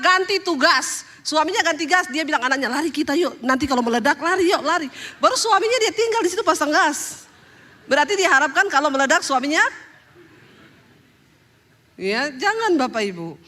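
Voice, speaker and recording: Her voice high and a bit bright, a woman delivers a sermon through humorous stories from her own life, frequently addressing the congregation with chatty jokes.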